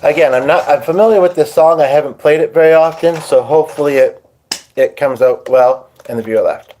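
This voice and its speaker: A warm, fairly quick voice on the high side belongs to a man live-streaming at his home piano through a phone, with slight background noise. He rambles in a casual chat with his viewers while he sets up to play, and the clip comes from Hungarian.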